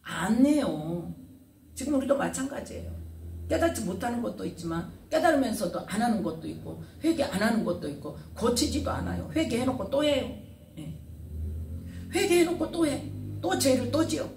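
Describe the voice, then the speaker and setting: A woman pastor preaching a sermon. She keeps firing rhetorical questions at the congregation, and her voice rises and falls sharply in loudness. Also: fairly high pitch, sing-song, a little fast, slight background noise. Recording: roomy sound from a distant mic.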